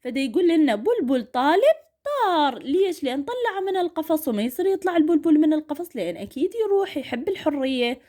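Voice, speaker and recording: A woman with an Iraqi Arabic accent, teaching a first-grade reading lesson and stretching syllables slowly for children to repeat. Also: sits high, big pitch swings, dark tone.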